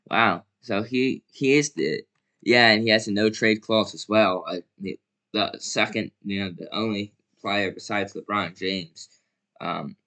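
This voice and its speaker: This casual sports commentary features a young man with a fairly low, bright and forceful voice. Offering his basketball opinions solo, he wanders, corrects himself and leans heavily on fillers.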